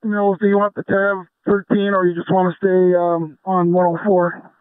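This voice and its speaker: A man's voice: high voice, monotone, moderate pace, clear, resonant tone, no room sound. A man speaking as a police officer over a two-way radio, giving brief unit and location reports. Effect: heard over a two-way police radio. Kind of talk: terse radio call traffic. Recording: tinny two-way radio transmission.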